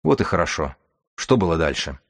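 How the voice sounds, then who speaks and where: Man voicing a calm, cold wanderer. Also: low-pitched, brisk, husky, exaggerated voice. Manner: calm, curt questioning.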